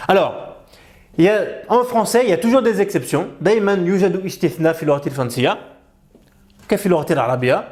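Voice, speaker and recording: High-voiced man teaching reading, playful. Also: a little mellow. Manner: slow, drawn-out model pronunciations; playful, teasing asides. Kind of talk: bilingual reading lesson.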